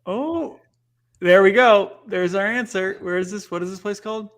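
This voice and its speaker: A man co-hosting a casual talk show, laughing often and talking in a brisk, playful way. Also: high voice, a bit bright. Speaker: co-host. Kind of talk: casual chat.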